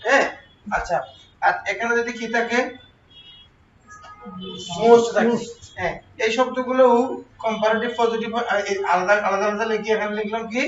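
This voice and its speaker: A man's voice: high voice, fairly even intonation, normal speed, long pauses, fairly bright tone. A man teaching a grammar lesson to a class, asking questions and answering them himself. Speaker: exam prep teacher. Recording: roomy, distant, dull lo-fi sound with faint noise.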